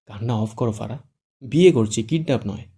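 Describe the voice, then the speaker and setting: A man's voice: mid-range voice, a little fast, warm tone, slightly rough. A man voicing a hot-tempered young groom who gives curt, threatening commands. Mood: bossy.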